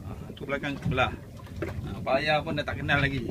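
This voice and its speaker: A man giving excited, chatty commentary on his catch from a small open boat, filmed on a handheld phone. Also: mid-range voice, brisk, heavy background noise. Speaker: angler filming his fishing trip. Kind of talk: casual running commentary.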